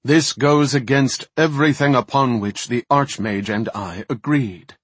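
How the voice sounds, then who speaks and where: A man voicing a stern, ancient male elf archdruid who speaks in a grave, reproachful, measured way, with a husky voice. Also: lowish voice, animated, no echo.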